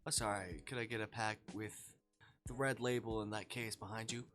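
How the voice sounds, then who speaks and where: Dude doing a tall creepy red-eyed stranger, deep kinda growly, chill and polite, bright edge. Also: male voice, steady tone, moderate pace, soft background music, lightly acted. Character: tall masked man with red eyes and sharp teeth.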